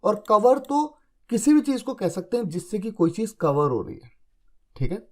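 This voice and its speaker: A man's voice: sits high, sing-song, darkish tone. A man teaching spoken English, explaining each example patiently and checking that his students follow. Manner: explains patiently, checks understanding with repeated confirmations; reads English examples slowly and deliberately. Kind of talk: spoken English lesson in Hindi.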